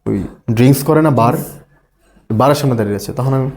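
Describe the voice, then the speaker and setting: A man's voice: mid-range voice, a little fast, vocal fry, a little mellow. Bangladeshi teacher questioning his class. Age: middle-aged. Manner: asks students questions, acts out tones. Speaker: ESL teacher. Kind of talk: classroom lecture.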